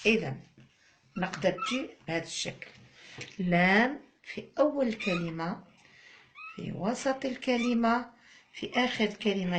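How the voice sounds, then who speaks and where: A woman's voice: on the high side, slight background noise. A woman with an Algerian Arabic accent teaching a phonics lesson to young children, drawing out each syllable and coaxing and praising the child.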